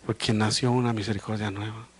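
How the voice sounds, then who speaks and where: A man preaching a sermon as pastor. He speaks to the congregation with rhetorical questions and swings between loud emphatic lines and low, quiet ones. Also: little pitch movement, fast, husky. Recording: livestream of a live church service.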